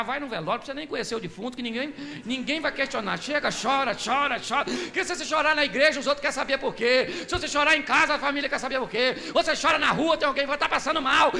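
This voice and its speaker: A man preaching a lively sermon in a Brazilian accent, telling the story with jokes and acting out the people in it. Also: very high voice, vocal fry. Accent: Brazilian Portuguese. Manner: animated storytelling, acts out quoted voices, jokes. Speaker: pastor. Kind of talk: lively sermon with humorous asides.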